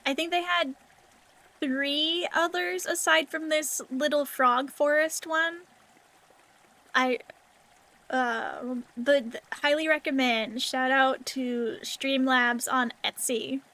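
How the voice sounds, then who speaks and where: Cute, high-voiced woman streamer. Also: fairly even intonation, slow, bright, forceful tone. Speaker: livestreamer. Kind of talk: casual rambling chat with viewers.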